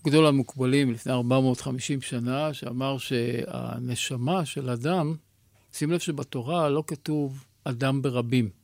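Male rabbi guest, measured teacher's delivery, dry close studio voice. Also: medium pitch, creaky, darkish tone, no room sound. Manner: measured, teacherly, asks rhetorical questions. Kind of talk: explaining Kabbalah teachings.

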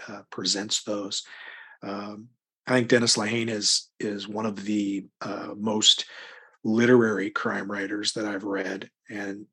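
A middle-aged American crime fiction author talks casually as an interview guest, thoughtful and rambling, often pausing to work out his answers. His voice is on the low side, a bit bright, with a breathy edge.

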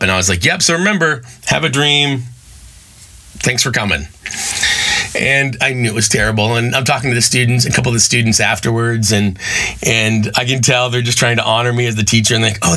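Bright-voiced man telling a story. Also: mid-range voice. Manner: animated, self-deprecating, quotes people in voices. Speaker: host telling a personal story. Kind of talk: storytelling monologue.

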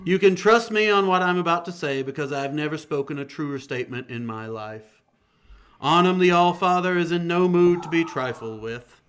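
A man's voice: moderate pace, fairly bright tone, lightly acted. A man voicing an enormous storm giant in a tabletop game, commanding and contemplative with a sad humor. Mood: solemn, commanding. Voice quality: booming. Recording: people talking in background.

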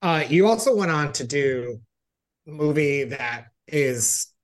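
A man's voice: fairly high pitch, expressive, slow pace. Male host in his forties, chatty and rambling, leans on fillers when he asks questions. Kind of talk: interview chat.

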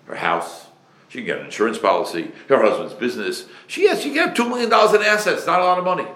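Recorded in an echoey room, a man gives a Torah lecture as a sermon to a live audience, his voice a little high and fairly bright with lively intonation at a fast clip. Speaking as a rabbi, he is emphatic, leans on rhetorical questions and repeated phrases, and drops in Hebrew and Yiddish words.

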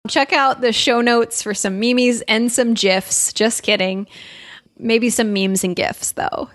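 A woman's voice: fairly high pitch, a bit bright, dry recording, studio quality. Chatty young woman podcast co-host. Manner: chatty, earnest advice-giving. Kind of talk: casual chat.

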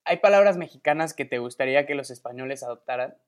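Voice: medium pitch, lively intonation, quick pace. An interviewer asking short, direct questions.

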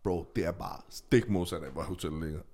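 A young man with a Danish accent, co-hosting a podcast, telling stories in a lively, swearing way and acting out voices. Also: low voice. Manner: animated, swearing, acts out voices in English. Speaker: podcast co-host. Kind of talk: casual storytelling chat.

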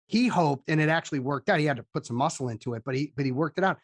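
A man's voice: fairly high pitch, very fast, dry recording. Jokey male podcast host, dry close sound. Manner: jokey, informal. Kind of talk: casual interview chat.

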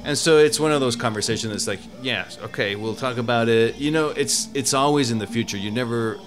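A man's voice: mid-range voice, brisk, music in the background. A man who was born in Mexico, talking in a rambling, casual way as a guest about food and cooking. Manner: rambling, many restarts and fillers. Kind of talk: casual conversation.

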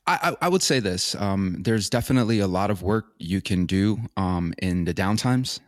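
A man's voice: low voice, expressive, normal speed, dry recording, clean studio sound. A young man, an actor being interviewed, speaking casually with many fillers and restarts. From grew up in Florida, born in El Salvador.

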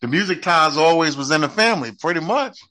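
A man's voice: a little high, lively intonation, bright, forceful tone, dry recording. Slangy male podcast host, dry sound. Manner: friendly, slangy, quick affirmations. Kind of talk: casual interview.

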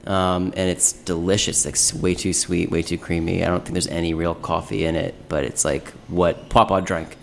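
Low-voiced male guest, unsure and rambling, slight background noise. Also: level tone, normal speed, gravelly, hardly any pauses. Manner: hesitant, many fillers. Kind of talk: casual podcast chat.

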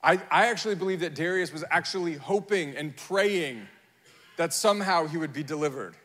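A man preaching a sermon in a lively storytelling manner, acting out the people of a Bible story in their own voices. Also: fairly high pitch, in a large hall. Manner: animated storytelling, acting out Bible figures in quotes. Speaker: pastor.

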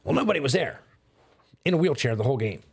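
A man's voice: medium pitch, very animated, fast, husky. A man telling a long, rambling story in casual chat, swearing freely and filling his sentences with "like" and "um.". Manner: rambling storyteller, heavy swearing and many fillers. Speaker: podcast guest telling a story.

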